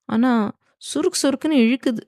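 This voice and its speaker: A woman's voice: sits high, fairly quick, darkish tone, no echo, studio quality, pitched above the performer's own voice. Irritated, scheming young wife, as a narrator puts her on. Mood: exasperated. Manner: exasperated, grumbling.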